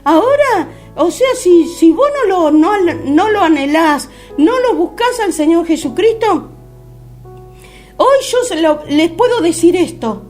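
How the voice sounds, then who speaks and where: A very high-pitched woman in her fifties with an Argentine accent testifies fervently on a religious radio program, halting and hesitant, often turning to her listeners as brothers. Soft music plays faintly behind her. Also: very animated. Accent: Argentine Spanish. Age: 50s.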